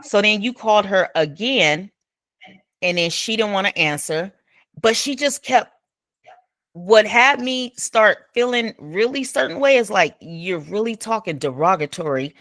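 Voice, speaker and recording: A woman casually retelling an awkward evening to someone, acting out quoted speech and talking in an informal, relaxed way. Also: measured pace, dry recording, clean studio sound. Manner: animated, acts out quoted speech with big pitch jumps; informal speech with dropped verb endings. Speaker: storyteller recounting an incident.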